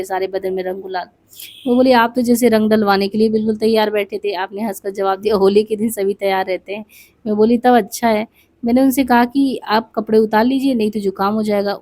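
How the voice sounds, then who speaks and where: A woman's voice: mid-range voice, mellow. A woman reading a memoir aloud for exam study, voicing its dialogue with small asides and restarts.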